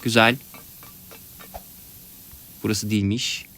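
A young man giving excited let's-play commentary, talking to his viewers and yelping at his mishaps. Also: on the low side, takes it slowly, slight background noise. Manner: excitable, yelps and laughs at mishaps, talks to viewers. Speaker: gaming YouTuber.

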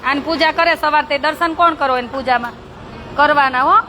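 A woman's voice: sits high, a little fast, sharp tone, some chatter behind. A woman who runs a charity for slum children. She talks casually with the kids, teasing, coaxing and scolding them in a playful but bossy way. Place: among a group of children. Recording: noisy crowded outdoor ambience.

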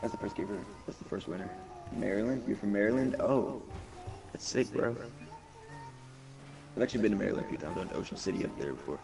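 Hyped young streamer guy, low gravelly voice, a bit far from the mic, loud game music over him. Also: lively intonation, fast talker, long pauses. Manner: hyped, slangy, reads chat aloud. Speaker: gaming streamer. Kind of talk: casual live-stream chat.

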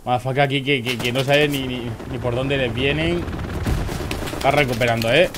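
A young man with a Murcian Spanish accent commentating gameplay clips, excitable, swearing and bursting into loud high yells. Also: normal speed, noisy background. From Murcia, Spain. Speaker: streamer reviewing viewer gameplay clips. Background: faint game gunfire.

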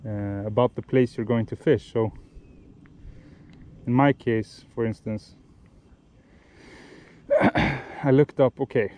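A young man gives relaxed, explanatory fishing tips outdoors by a lake, often restarting and correcting himself mid-sentence. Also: mid-range voice, takes it slowly, pauses often. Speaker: fishing vlogger. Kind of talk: casual instructional talk while fishing.

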